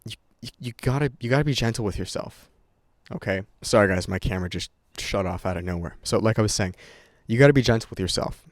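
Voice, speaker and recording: A young male vlogger rattles on fast to his camera with no script, in a fairly low voice. He swears freely, rambles and restarts many times. The recording has studio quality and no room sound.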